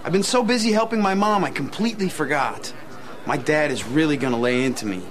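A man's voice: a little high, brisk, some chatter behind, natural voice. An actor playing an earnest, worried and awkward teenage boy in a sitcom. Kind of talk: sitcom acting. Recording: noisy studio audience ambience.

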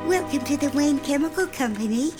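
A woman's voice: high voice, expressive, fairly quick, over music. An actress playing a polite, motherly office receptionist in an audio comedy drama.

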